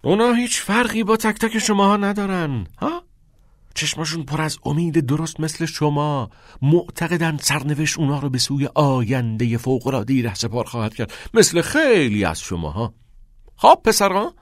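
A man's voice: a little high, animated, dry recording, studio quality, pitched above the performer's own voice, close to an everyday voice. A man voicing a passionate middle-aged male teacher who urges and exclaims like a preacher. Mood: earnest.

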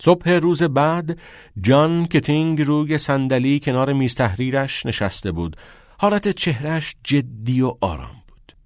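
A man narrating an audiobook in a measured storytelling manner. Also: mid-range voice, expressive, no room sound, studio quality. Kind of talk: scripted narration.

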